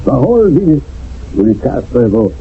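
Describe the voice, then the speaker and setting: In a radio drama, a male actor plays the stern, formal chairman of a wartime village court, sounding solemn and judicial. His voice is mid-range, very animated, natural and at normal speed. It sounds like a lo-fi old radio broadcast with faint noise.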